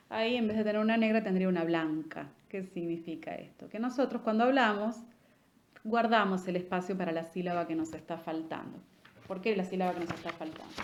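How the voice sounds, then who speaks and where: A woman teaching a literature lesson. She explains patiently, checks in with "¿sí?" and taps out rhythm while reciting verse slowly. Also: medium pitch, darkish tone. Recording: echoey room with faint noise.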